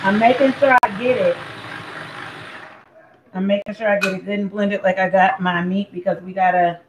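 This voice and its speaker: A Puerto Rican home cook chats through a relaxed cooking demonstration in her kitchen, chewing between sentences. She has a mid-range voice with a steady tone and moderate pace, recorded in an echoey room with faint ambient noise.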